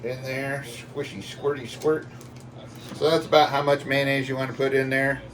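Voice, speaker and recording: A man's voice: medium pitch, monotone, brisk, fairly bright tone. Guy doing a casual cook-along, folksy and playful, mid voice, bit far from the mic with faint noise. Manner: folksy, playful sound words and exclamations. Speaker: home cook presenting a cook-along. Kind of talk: casual cooking demonstration.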